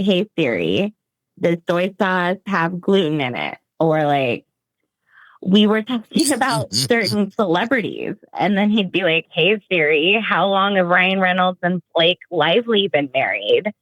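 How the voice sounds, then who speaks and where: A woman's voice: on the low side, lively intonation, measured pace, dry recording, poor audio. A woman heard over the phone on a radio call, hesitant and full of fillers. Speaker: caller reached by phone. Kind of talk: casual phone conversation.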